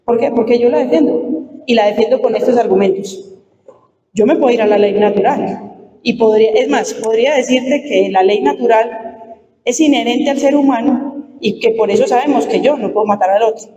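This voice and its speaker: Colombian woman lawyer, mellow lecturing voice, emphatic, distant roomy hall sound. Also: a little high, moderate pace, muffled recording. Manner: emphatic, asks the audience questions. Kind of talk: lecture to a live audience.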